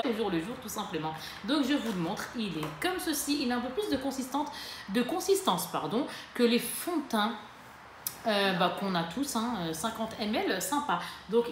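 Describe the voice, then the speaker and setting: A woman chatting casually to camera in a beauty haul, lively and full of fillers and self-corrections. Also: fairly high pitch. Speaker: beauty vlogger. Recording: echoey room with faint ambient noise.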